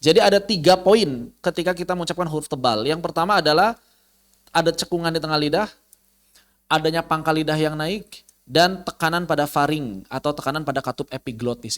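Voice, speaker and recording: A man's voice: on the high side, a little fast. A man teaching an online tajwid lesson, explaining step by step, repeating key phrases and demonstrating letter sounds. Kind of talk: online Quran recitation lesson.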